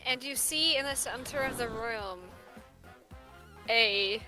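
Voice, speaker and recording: A woman's voice: a little high, slow, bright, forceful tone, soft background music. A woman narrating a tabletop fantasy game as game master.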